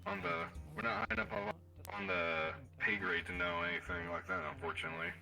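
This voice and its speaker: A man's voice: low voice, wildly swooping pitch, fairly quick, vocal fry, loud music behind the voice, full character voice, poor audio. A man playing a resigned underling in an online role-play game.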